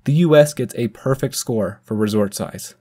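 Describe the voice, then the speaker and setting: A man's voice: medium pitch, moderate pace, dark tone. A man from the United States hosting a channel and narrating a scripted ski review as voice-over. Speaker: channel host.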